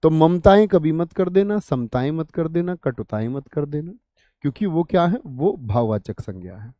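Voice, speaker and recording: A man's voice: on the high side, expressive, moderate pace, warm tone, no echo. Dry-voiced male Hindi teacher quizzing students. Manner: asks questions and answers them himself, repeats answers; addresses students familiarly, 'bhai sahab', 'dost'. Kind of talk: online exam-prep lesson.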